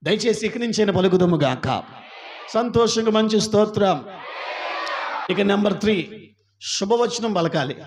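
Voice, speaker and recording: A man's voice: sits high, moderate pace, pauses often, some chatter behind, a little hiss or hum. A male pastor with an Andhra Telugu accent, preaching a sermon and calling on the congregation to repeat after him. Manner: calls on the congregation to repeat, rising to shouts.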